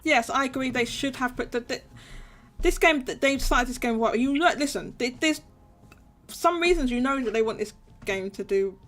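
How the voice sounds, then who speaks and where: A woman's voice: high-pitched, normal speed, fairly bright tone. A woman co-hosting a gaming podcast, talking in casual chat and repeating herself emphatically when worked up. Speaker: podcast co-host.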